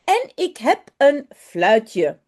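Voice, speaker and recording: A woman's voice: sits high, wildly swooping pitch, very slow, darkish tone, pitched above the performer's own voice, exaggerated voice. Woman doing a bossy little boy stationmaster. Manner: bossy, insistent.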